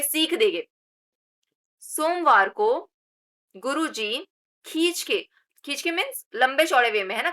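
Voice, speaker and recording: In a high-pitched, sharp voice, a woman coaches students for government exams with a Hindi general knowledge lesson full of memory tricks. English words slip into her Hindi as she repeats key terms and poses rhetorical questions.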